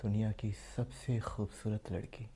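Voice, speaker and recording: A man performing an audition monologue as an obsessed young man who kills his family, in an intense, brooding delivery that slowly turns unhinged. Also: on the low side, level tone, mellow, husky. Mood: obsessive. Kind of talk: dramatic monologue.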